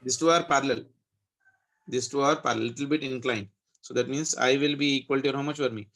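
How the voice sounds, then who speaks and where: A physics teacher, a man with a Telugu Indian accent, talks quickly in a mid-range voice. He works through a problem aloud in an interactive tutoring style, often tagging his points with short checking questions. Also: mid-range voice, fairly bright tone. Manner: frequent checking questions and tag questions.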